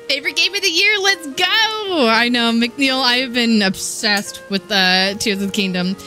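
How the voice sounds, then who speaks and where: A woman's voice: on the high side, expressive, a little slow, pushed and bright, soft background music. A young woman casually chatting and giggling while streaming a video game, sometimes reading in-game dialogue aloud.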